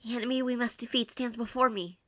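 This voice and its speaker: Bright-voiced woman doing a let's play. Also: a little high, fairly even intonation, quick pace, no room sound, clean studio sound. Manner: informal, reactive. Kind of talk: reading game text aloud with casual commentary.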